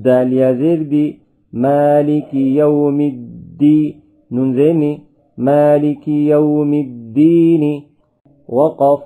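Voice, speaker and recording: A man teaching a reading lesson, spelling out each syllable slowly before chanting the joined words. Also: a little high. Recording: tinny phone-like recording.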